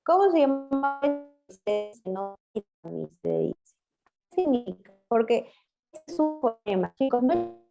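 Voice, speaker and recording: A woman teacher giving an online language class, patiently quizzing her pupils and spelling words out slowly. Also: sits high, very animated, over loud music. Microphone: video call. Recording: muffled lo-fi video call audio.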